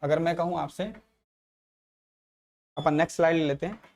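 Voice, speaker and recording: A man's voice: a little high, level tone, normal speed, darkish tone. A man teaching a grammar lesson, repeating each example and checking in with frequent tag questions. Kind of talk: classroom lecture explaining English grammar.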